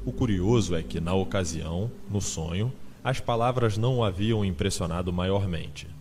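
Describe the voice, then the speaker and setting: This literary audiobook is narrated by a man with a low voice at normal speed, in a dramatized manner. Noisy ambient sound effects fill the background.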